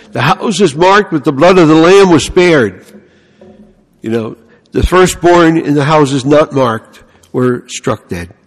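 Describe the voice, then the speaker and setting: Older man, New York accent, priest, lively storytelling sermon, reverberant church. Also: fairly high pitch. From the Bronx, New York. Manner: animated storytelling, rhetorical "huh?" and "you know".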